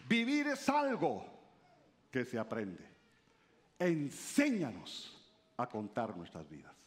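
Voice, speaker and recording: A man delivers a sermon in a notably high voice. His pitch swings dramatically, soaring on exclamations and sinking low at the ends of phrases. He calls out directly to the congregation as he preaches. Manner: preaching with sweeping rises and drops in pitch. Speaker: pastor.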